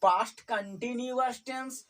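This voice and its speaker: In a tuition classroom, a woman teaches a class at an unhurried pace in a fairly high voice, repeating every term and checking frequently that her students are keeping up. The distant microphone picks up faint background noise.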